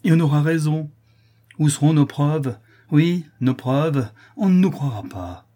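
A man's voice: mid-range voice, fairly even intonation, normal speed, dark tone, breathy edge, voice pushed up, natural voice. A man voicing a desperate, furious old craftsman father crying out in despair in a storybook reading. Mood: frantic.

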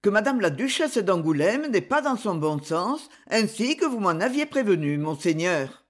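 A woman voicing an obsequious older male notary who speaks in a measured, deferential way. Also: medium pitch, big pitch swings.

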